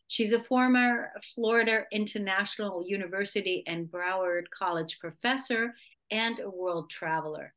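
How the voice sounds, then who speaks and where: A woman's voice: medium pitch, a bit bright. A woman hosting a radio talk show, introducing and interviewing a guest in an effusive, enthusiastic way.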